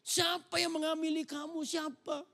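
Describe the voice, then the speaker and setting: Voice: very high-pitched, level tone, sharp tone, pitched above the performer's own voice. A preacher doing a frantic young groom. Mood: shocked, indignant. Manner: frantic, rapid questioning. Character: agitated young man, the groom Joseph.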